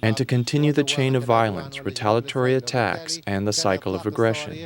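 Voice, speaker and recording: A man's voice: mid-range voice, fast talker, crowd noise. A man voicing a translated interview, recounting events plainly.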